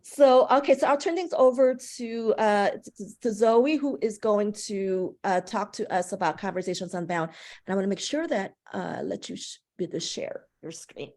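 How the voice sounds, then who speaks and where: A native English-speaking woman who teaches languages guides a conversational class discussion online via video call. Speaking at medium pitch in an expressive, darkish tone, she sounds thoughtful and slightly halting, restarting a few times.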